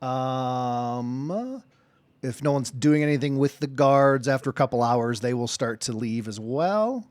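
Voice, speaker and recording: A male game master narrates a tabletop scene in a casual, slangy way. His voice sits at a middling pitch and is captured very dry. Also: lively intonation, a little slow, dry recording. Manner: informal, slangy.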